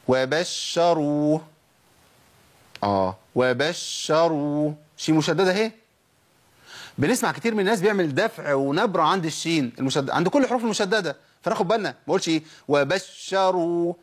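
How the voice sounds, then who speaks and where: A man with an Egyptian Arabic accent teaching Quran recitation, who asks and answers his own questions and slows down to drag out the sounds he demonstrates. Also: a little high, breathy edge. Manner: quick explanations broken by slow, drawn-out demonstrated sounds. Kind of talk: recitation lesson.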